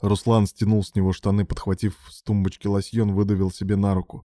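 An audiobook narrator reads a romance story aloud evenly and at a measured pace, his low voice dark and mellow. The sound is dry and close-miked, with no echo.

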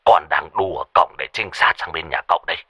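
Man doing a fussy old man with a deep voice. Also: quick pace, pushed and bright, husky, no echo, clean studio sound, exaggerated voice. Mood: alarmed urgent. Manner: urgent, exclaiming. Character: fussy old male villager on the phone.

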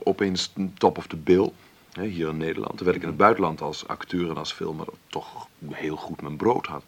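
An actor voices a celebrated 53-year-old film maker, wry, stubborn, and self-made, in a radio drama played as an interview. His low, creaky, slightly bright male voice is a full character voice, musing and modest. He talks conversationally and haltingly, adding tag questions.

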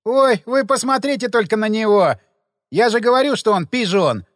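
A crude, loud-mouthed mercenary in an audiobook, as a man puts him on, grumbling and jeering. He is pitched high and brash, his tone swinging widely. A long reverb hangs after each line. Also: expressive, moderate pace, clean studio sound. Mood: mocking. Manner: grumbling, mocking.

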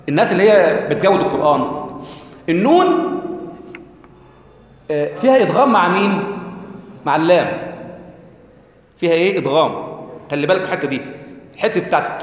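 A man with an Egyptian Arabic accent giving a religious lecture, asking questions and answering them himself. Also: sits high. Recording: echoey hall recording.

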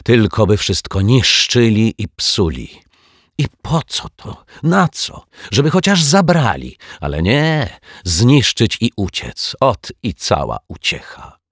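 A man's voice: very animated, unhurried, breathy edge, dry recording, clean studio sound, exaggerated voice. A man voicing a grumpy, scolding elderly widow neighbor who nags indignantly. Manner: nagging, indignant, shrill.

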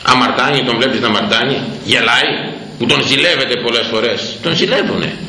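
A man's voice: medium pitch, pushed and bright, reverberant, slight background noise, rough recording. An older man preaching a stern, emphatic sermon as a priest, voice rising sharply to make his points. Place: church.

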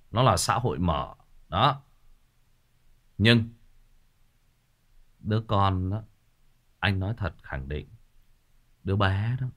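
Man, 30s, low voice, animated pitch, earnest, repetitive, casual livestream advice. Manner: earnest and repetitive, often pausing on a drawn-out "đó". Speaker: host giving advice to a listener.

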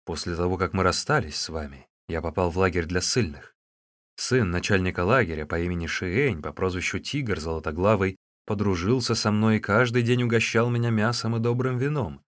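A man voicing a weary, tough outlaw hero in an audiobook, speaking low and grim. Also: fairly quick, a bit bright, no echo, studio quality. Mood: recounting.

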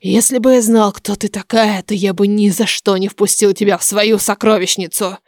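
A furious male dragon, put on by a woman narrator, hisses and growls each word slowly and low, all menace and cold rage. The recording is dry and close, with no room sound around the voice. It reads like a dark fantasy storybook villain. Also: fairly even intonation, no room sound, lightly acted. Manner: low, slow, hissing menace.

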